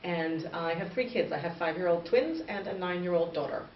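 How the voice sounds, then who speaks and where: A woman in her thirties from northern Canada, a bilingual education expert, answers interview questions earnestly and explains things in a lowish, brisk voice. She sits far from the mic, so the recording sounds distant, echoey and muffled, with faint noise.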